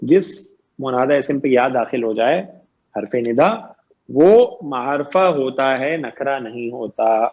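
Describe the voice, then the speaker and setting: A man's voice: mid-range voice, darkish tone. Man teaching grammar over muffled audio. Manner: explains patiently, asks students questions and repeats points. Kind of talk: online grammar lecture.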